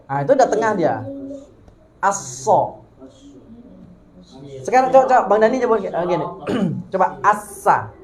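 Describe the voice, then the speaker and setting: A woman's voice: medium pitch, expressive, measured pace, pauses often. A woman teaching Quran recitation, correcting pronunciation and demonstrating sounds over and over. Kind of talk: hands-on recitation coaching.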